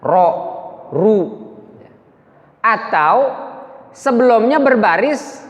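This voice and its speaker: A man teaching Quran recitation to a mosque congregation, explaining slowly and demonstrating the sounds himself. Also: high-pitched, animated. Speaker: preacher. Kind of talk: tajwid lesson to a mosque congregation. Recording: dull sound with long hall reverb.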